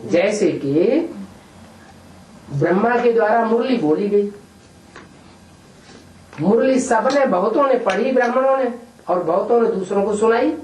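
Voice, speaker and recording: Taking long pauses, a man speaks unhurriedly in a high, expressive, slightly mellow voice. His spiritual discourse follows a question-and-answer format, mixing examples with rhetorical questions, recorded in a roomy room from a distant mic with faint noise.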